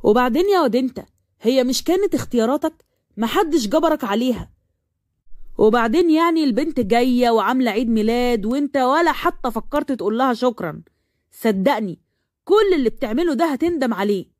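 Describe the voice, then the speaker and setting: A woman voicing a stern, angry middle-aged father who scolds and shouts, with an Egyptian accent. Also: fairly high pitch, lively intonation, fast, no echo, clean studio sound, close to an everyday voice.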